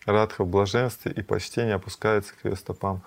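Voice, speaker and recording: A man calmly reading a devotional drama aloud, naming each speaker and adding short asides. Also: fairly low pitch, a little fast, gravelly. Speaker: reader.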